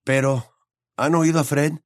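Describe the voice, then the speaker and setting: A man's voice: a little high, moderate pace, a little mellow, dry recording, studio quality, pitched above the performer's own voice, lightly acted. A man voicing Harry, an eager, determined teenage boy, in an audiobook reading. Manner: eager, obsessive.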